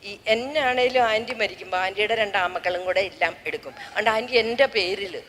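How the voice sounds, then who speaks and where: A woman voicing a cheeky young male driver who wheedles in a lowered voice. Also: fairly quick, a bit bright, big-room sound, a little hiss or hum, close to an everyday voice. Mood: wheedling.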